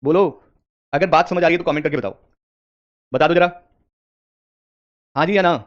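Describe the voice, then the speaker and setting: A man's voice: fairly high pitch, moderate pace, highs cut off. A man teaching a reasoning class live online, repeating questions and coaxing his students with English terms mixed in.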